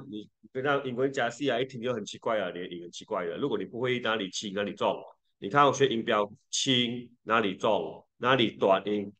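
A man's voice: medium pitch, a bit bright. A man teaching an English lesson in a playful way, switching between languages and repeating words for learners to copy.

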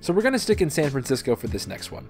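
A man's voice: a little high, wildly swooping pitch, fast, soft background music. A man hosting and narrating a sports video from a script. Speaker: video host and baseball fan narrator.

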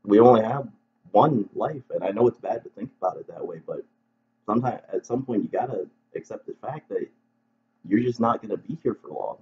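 A man talking earnestly to viewers from home in a halting, reflective vlog monologue, often restarting his sentences. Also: lowish voice, expressive, darkish tone, a little hiss or hum. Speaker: video creator. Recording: dull lo-fi recording.

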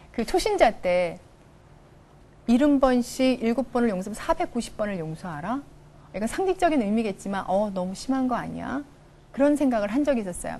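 A woman's voice: a little high, darkish tone. A middle-aged woman professor giving a televised coaching lecture in a studio, acting out little dialogues in changing voices. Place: studio with a live audience.

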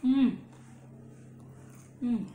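A woman hosting a mukbang eating show, chatting casually with slow words and contented hums between bites, at home. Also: narrow, tinny audio. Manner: slow, relaxed, murmurs and hums while eating. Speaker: mukbang host. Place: home, indoors. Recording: echoey room with faint hum.

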